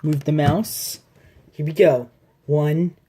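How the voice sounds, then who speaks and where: Speaking slowly in a mellow, slightly rough voice of medium pitch and fairly even intonation, a casual vlogger chats and rambles about a computer desk setup, often trailing off mid-sentence. He hosts the channel and records on a phone in a small room.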